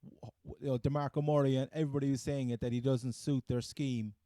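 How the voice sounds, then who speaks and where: Male podcast co-host, Cork accent, very soft mellow tone, close dry sound, halting casual sports chat. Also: mid-range voice, steady tone, no room sound. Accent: Cork, Irish. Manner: halting, hesitant phrasing.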